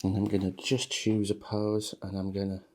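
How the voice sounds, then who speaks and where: A man giving a relaxed, chatty watercolour painting demonstration, talking loosely with plenty of ums as he paints. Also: lowish voice, normal speed. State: a bit shaky from coffee. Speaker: watercolour teacher.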